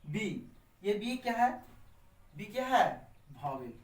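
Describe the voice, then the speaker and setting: A man's voice: sits high, sing-song, slow. A man teaching a basic grammar lesson to camera, asking and answering his own questions with frequent tags. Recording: echoey room, far from the mic.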